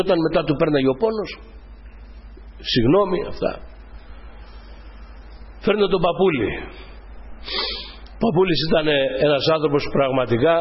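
A man's voice: mid-range voice, lo-fi sound. A middle-aged man preaching a sermon to his congregation, emphatic and repeating his key phrases.

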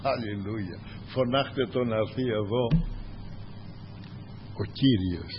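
An older man preaching a sermon, swinging from loud exhortation to softly murmured praise asides. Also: mid-range voice, muffled recording, a little hiss or hum.

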